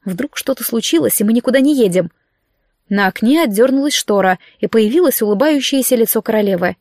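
Woman narrating, slightly high voice. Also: animated, a little fast, darkish tone, no echo, clean studio sound. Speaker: audiobook narrator. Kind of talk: audiobook narration in first person.

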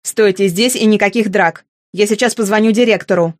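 A woman's voice: medium pitch, a little fast, dry recording, clean studio sound, close to an everyday voice. A woman voicing a short-tempered female teacher who barks orders in a commanding way. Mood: stern. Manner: barking orders.

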